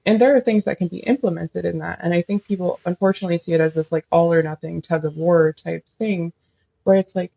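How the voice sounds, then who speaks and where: Creaky, husky-voiced woman guest. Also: on the low side, steady tone, quick pace, mellow, no room sound. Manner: thoughtful, explains at length with many fillers; admits feeling nervous while explaining. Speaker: social worker guest. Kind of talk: casual podcast interview.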